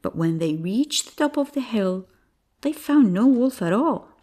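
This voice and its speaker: A woman narrates a children's bedtime fable at an unhurried pace. Her voice rises and falls in a lively way as she tells the story gently and expressively. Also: a little high.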